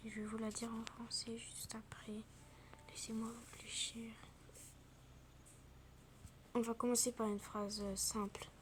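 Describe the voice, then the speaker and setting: A young female video creator chatting casually while playing a game, speaking softly and often half-whispering, with many fillers. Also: on the high side, noisy background. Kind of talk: casual gameplay chat.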